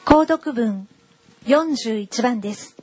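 A woman leading a church service, announcing the readings and reading scripture aloud in a measured, formal way. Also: a little high, expressive, darkish tone, faint music behind. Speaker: worship leader. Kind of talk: liturgical reading.

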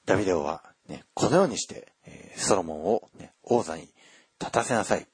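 Male pastor, low husky voice, dry close sound, emphatic sermon delivery with animated pitch. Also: dry recording. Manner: earnest, emphatic preaching with frequent filler pauses. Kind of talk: sermon with scripture reading.

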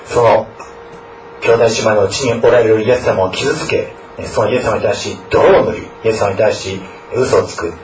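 A man's voice: on the low side, normal speed, slight background noise. A man, a school chaplain, praying and preaching to students in an earnest way, often adding a questioning tag to his sentences. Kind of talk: scripture reading, prayer and sermon. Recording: echoey room, distant mic.

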